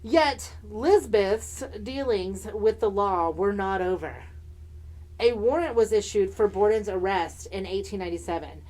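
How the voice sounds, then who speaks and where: A woman's voice: medium pitch, darkish tone, poor audio. A woman with a mid-range voice co-hosts a podcast. She is sassy and campy, throwing slang and playful swearing into casual, comedic storytelling that moves between read narration and chat. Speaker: podcast co-host.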